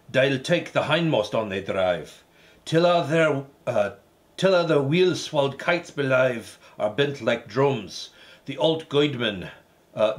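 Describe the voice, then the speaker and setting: A man voicing a theatrical poem reciter in a put-on Scottish accent, declaiming loudly with rolling emphasis. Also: mid-range voice.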